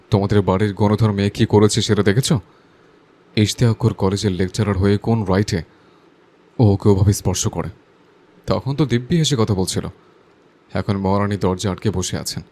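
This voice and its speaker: An actor playing a hot-tempered, jealous young man in an audio drama, pleading and shouting through a door. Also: medium pitch, moderate pace, long pauses, husky, natural voice. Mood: furious. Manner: pleading then shouting threats.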